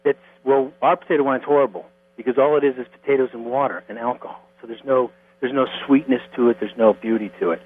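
A middle-aged man from Connecticut, a distiller being interviewed, explaining things step by step in a plain, unhurried way. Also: medium pitch, steady tone, slightly rough, dry recording. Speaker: guest, distiller. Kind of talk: phone interview. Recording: tinny phone line with mains hum.

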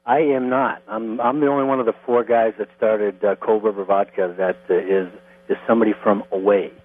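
A man's voice: fairly low pitch, steady tone, no room sound. Middle-aged man on a tinny phone line. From Connecticut. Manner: unhurried, plain-spoken, explains step by step. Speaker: guest, distiller. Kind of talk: phone interview.

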